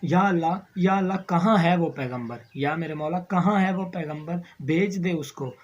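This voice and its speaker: A man's voice: on the high side, normal speed, lightly acted. A man voicing an innocent young girl who pleads tearfully with her father. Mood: desperate. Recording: slightly dull recording.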